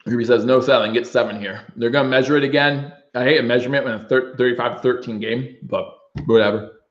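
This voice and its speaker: A man's voice: medium pitch, fast, reverberant, lo-fi sound. A young man hosting a fan livestream, giving emotional play-by-play and reading out chat comments. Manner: emotional, swinging from choked-up talk to excited calls; reads out viewer chat comments. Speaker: livestream host.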